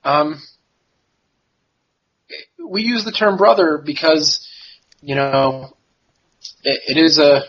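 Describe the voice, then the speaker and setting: A male guest explaining things in a relaxed, informal, easygoing chat. His voice sits somewhat higher than most men's. The sound is dull and lo-fi. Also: slow pace, long pauses. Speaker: interview guest.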